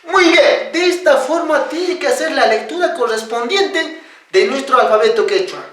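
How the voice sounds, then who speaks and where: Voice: high voice, animated, normal speed, a bit bright, heavy reverb, far from the mic. A teacher giving a patient alphabet lesson, reading the letters one by one and checking that students are following. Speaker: Quechua teacher. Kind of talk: classroom-style alphabet lesson.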